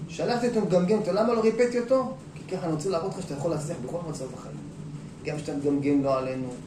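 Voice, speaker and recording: A rabbi giving a lively sermon to an audience in a hall, shifting between talking and acting out quotes, calling out to the listeners. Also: male voice, fairly high pitch, noisy background. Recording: echoey room, mic at a distance.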